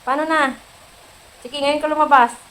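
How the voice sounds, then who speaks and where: At home and sick with a fever, a woman from the Philippines talks to her cat in giggly baby-talk for a casual vlog. Her voice is high, steady and fairly bright at a moderate pace, though the audio quality is poor.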